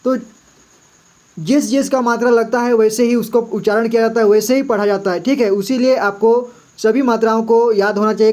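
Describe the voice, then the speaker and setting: A man teaching a step-by-step reading lesson. He talks patiently, sounds out words slowly syllable by syllable, and checks in often with his students. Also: high voice, darkish tone. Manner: patient, slow syllable-by-syllable sounding out, frequent "ठीक है" check-ins.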